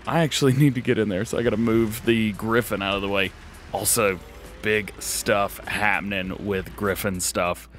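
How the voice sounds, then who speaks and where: A man's voice: mid-range voice, slight background noise. Upbeat chatty man narrating gameplay. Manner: chatty, upbeat, frequent laughs and self-corrections. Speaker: gaming channel host. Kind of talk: let's-play commentary.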